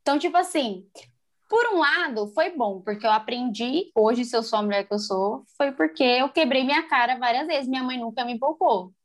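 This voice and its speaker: A woman in her twenties from Brazil talks candidly in a relaxed conversation. Her voice sits a little high. She is animated and slips into quoted dialogue with lively shifts of tone. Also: a little fast. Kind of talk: casual chat.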